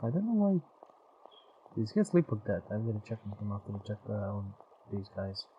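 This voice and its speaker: A man's voice: fairly low pitch, expressive, fast, highs cut off, a little hiss or hum. A man streaming a video game in casual chat, swearing often and laughing readily. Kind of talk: casual let's-play chat.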